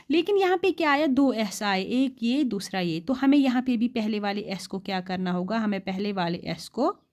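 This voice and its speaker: A woman teaching shorthand in a classroom-style lesson, asking rhetorical questions and repeating words slowly. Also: medium pitch, a little mellow. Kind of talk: classroom lesson explaining rules.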